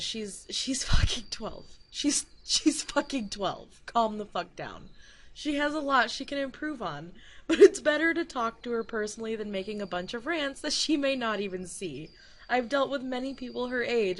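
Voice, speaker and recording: A young adult woman giving a casual, digressive rant to camera, laughing mid-sentence and swearing now and then. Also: medium pitch. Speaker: YouTuber.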